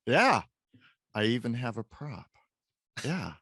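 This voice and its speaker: Slow-talking animated male storyteller. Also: medium pitch, slightly rough, dry recording. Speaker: guest, professor. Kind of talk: casual interview storytelling.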